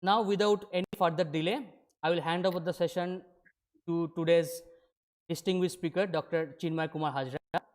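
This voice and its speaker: A session host speaks at a medium pitch. The delivery is a formal, scripted announcement, as used to open an online academic event. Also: steady tone, normal speed, darkish tone.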